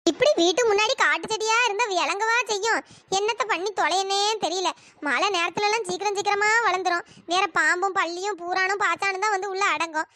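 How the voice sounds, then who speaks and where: Squeaky sped-up sounding cartoon village auntie, village talk, grumbles and scolds, bright and dry. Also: brisk, dry recording. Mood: grumbling. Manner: grumbling, scolding, talks to herself. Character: grumbling village woman, Chellathayakka, fussy, bossy neighbor. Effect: pitch-shifted up. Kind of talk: cartoon voice acting.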